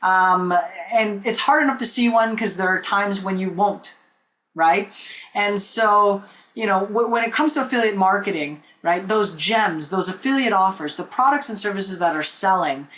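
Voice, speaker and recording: In a small room with a whiteboard, a desk webcam records a man from the Philippines teaching a live online marketing webinar. His high voice comes out pushed and bright at a normal speed, with slight background noise, as he chats along and keeps checking in with "okay?" and "right?"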